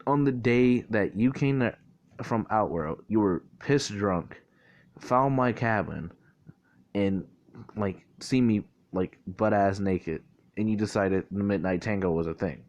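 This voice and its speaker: A man's voice: fairly low pitch, unhurried, a little mellow, lo-fi sound. A man casually retelling a fan-made crossover story, rambling with lots of filler words and swearing, his mouth getting dry.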